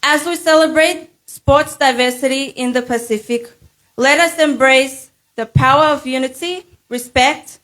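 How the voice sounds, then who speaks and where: A young woman from Nauru, giving a prepared formal speech as a pageant contestant in an earnest, measured way. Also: sits high, fairly bright tone. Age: young adult.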